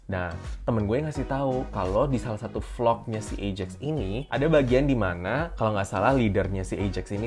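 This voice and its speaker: A young man from Indonesia chats through his stories in a casual vlog, calling out to viewers as he goes. His voice sits a little low. Faint music plays underneath. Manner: chatty, addresses viewers as "guys". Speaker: vlogger. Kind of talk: casual storytelling to camera.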